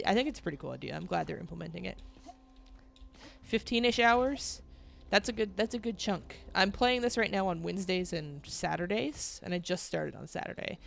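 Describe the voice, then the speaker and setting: While playing a video game on stream, a young woman with a cold-stuffed, nasal voice rambles and laughs with her audience. Her voice is lowish and creaky, with a little hiss or hum in the audio.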